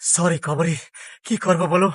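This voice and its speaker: A bashful lovesick village suitor. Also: male voice, fairly high pitch, steady tone, measured pace, fairly bright tone, no echo, clean studio sound. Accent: Bangladeshi Bengali. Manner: rambling, hesitant, flowery confessions. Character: bashful lovesick village man, shy and rambling. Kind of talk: television drama acting.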